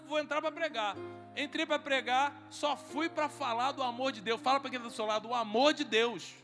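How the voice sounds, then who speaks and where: A Brazilian man preaches in a very high, bright, forceful voice and acts out each character in his comic story. He is recorded in a large hall with a long echo, and soft music plays underneath. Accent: Brazilian Portuguese. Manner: animated storyteller acting out dialogue. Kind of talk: humorous sermon storytelling. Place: large hall at a men's congress. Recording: reverberant hall with faint music.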